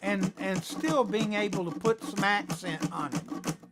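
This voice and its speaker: A man teaching a ukulele lesson on a live stream, talking in a relaxed way while he plays and calls out tempos. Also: high voice, unhurried, over loud music. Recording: loud ukulele playing under the voice.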